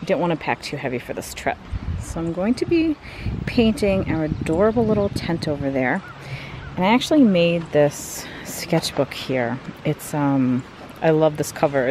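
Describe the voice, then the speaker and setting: A woman's voice: low-pitched, lively intonation, moderate pace, background noise. A young woman chatting cheerfully as she films herself at a wooded campsite, with the camera held at arm's length. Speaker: artist vlogger. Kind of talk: casual vlog narration.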